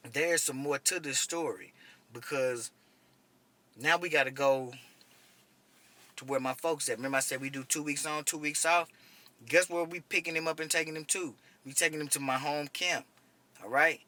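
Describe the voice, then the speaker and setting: A man's voice: medium pitch, bright, forceful tone. A man in his thirties, an army medic veteran, casually telling a war story in a profane, conversational way. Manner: profane, conversational, keeps asking "you know what I'm saying". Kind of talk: casual first-person storytelling.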